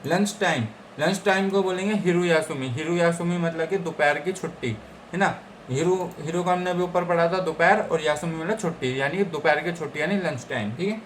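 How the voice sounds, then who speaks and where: A man's voice: a little high, a little fast, slight background noise. A young man from India teaching a vocabulary lesson in a casual tutorial style, repeating each word and often checking in with his viewers. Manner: repeats words and keeps checking understanding with "okay guys?". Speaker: Japanese language teacher.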